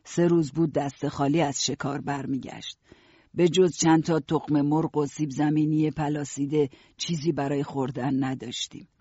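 A man narrating an audiobook in a steady first-person storytelling voice. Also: a little high, husky, dry recording, lo-fi sound.

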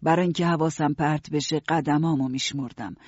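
A husky, slightly high man's voice reads a story aloud in the first person, steady and even. The recording is dry and dull, like a lo-fi studio. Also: no room sound. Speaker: narrator. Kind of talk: audiobook narration.

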